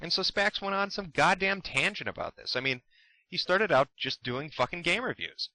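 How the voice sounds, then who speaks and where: A man rants through a commentary with heated, profane exasperation. His pitch leaps up and down as he talks, and his voice has a forceful, pressed edge. The sound is close and dry. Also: animated, moderate pace, dry recording, low-quality recording. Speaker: commentary host. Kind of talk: ranting commentary.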